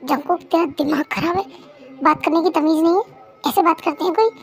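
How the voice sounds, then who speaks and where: A woman's voice: very high voice, a little fast, soft background music. A woman voicing a stern older brother who scolds the husband reproachfully in a fan-made dub. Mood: scolding. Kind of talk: fan Hindi dub role-play.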